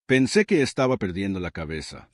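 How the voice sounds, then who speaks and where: A frightened young man haunted by a shadow, his speech shaken and trembling, as a male narrator reads him with little change from his own voice. He is a figure in a spoken horror story, with a low voice that swings widely in pitch. The sound is close and dry. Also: big pitch swings, a little fast, no room sound.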